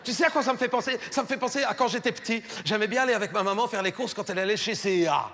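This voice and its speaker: A Belgian French comedian with a high, bright voice, telling stories in a playful, animated stand-up style and often restarting his sentences. His voice rings out through a big theater with a long reverb, and faint audience noise can be heard behind him. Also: very fast. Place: large theater stage. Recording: live stage, long hall reverb.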